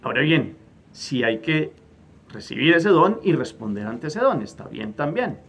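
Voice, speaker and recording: A man's voice: fairly high pitch, sing-song, a little slow, slightly rough. A middle-aged man preaching a gospel homily as a priest, emphatic and repeating words as he searches for phrasing. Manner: acts out quoted prayers with a raised, louder voice.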